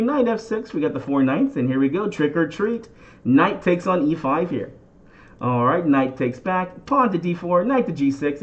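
A man's voice: a little high, dull audio. A man giving instructional game commentary as a chess instructor, often putting questions and catchphrases to his viewers. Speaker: chess instructor and channel host.

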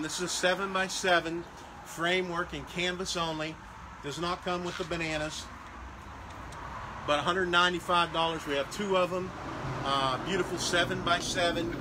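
A man's voice: fairly high pitch, noisy background. A man casually walking through a sales showcase of party games, repeating prices and restarting phrases as he goes. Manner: walking around showing products. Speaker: salesman for a game rental company.

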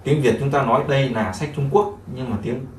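Speaking briskly in a mid-range voice, a man runs a language lesson where he re-explains each phrase over and over, full of fillers. The recording has an echoey room, a distant microphone, and faint background noise.

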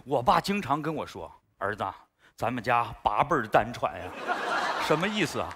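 A man's voice: mid-range voice, normal speed, husky, exaggerated voice. A fretful expectant father. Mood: anxious. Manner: fretful, excitable comic delivery. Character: anxious expectant father, desperate for a son. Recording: studio audience laughter behind.

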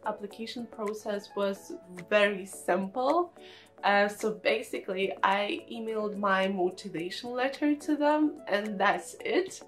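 A woman's voice: medium pitch, fairly bright tone, poor audio. A young woman from Lithuania with a Lithuanian accent, chatting casually to the camera about her studies, friendly, with many fillers and repeated words. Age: young adult. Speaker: international student. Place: small indoor room, seated on a sofa. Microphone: camera at close framing.

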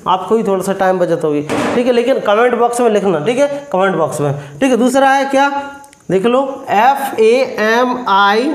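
A man teaches vocabulary in a live class streamed from his phone. He quizzes his viewers again and again and spells the words out slowly. His voice rings in an echoey room. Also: high voice.

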